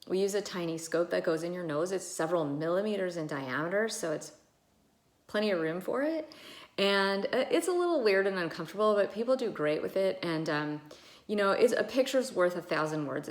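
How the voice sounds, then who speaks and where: Woman, ENT doctor, casual explainer, filler-heavy, slightly low pitch, roomy echo. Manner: chatty, many fillers, demonstrates voice sounds. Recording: echoey room.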